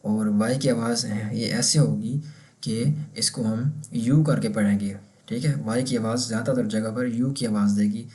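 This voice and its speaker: Teacher, male, Urdu-accented, middle pitch, calm and patient, repeats words slowly to demonstrate them. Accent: Pakistani Urdu. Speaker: German language teacher. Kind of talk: casual explanatory lesson.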